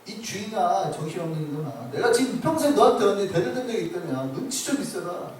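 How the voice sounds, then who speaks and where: A man's voice: high-pitched, expressive, fast, a little mellow, a little hiss or hum. A man voicing an exasperated male donkey who scolds his master, recorded from far off in an echoey church. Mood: exasperated scolding.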